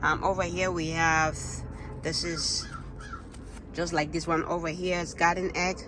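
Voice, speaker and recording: A man's voice: on the high side, level tone, measured pace. Man talking over jet engine noise. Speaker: gardening channel host. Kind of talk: casual garden update vlog. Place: greenhouse. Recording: noisy, plane engine roar in background.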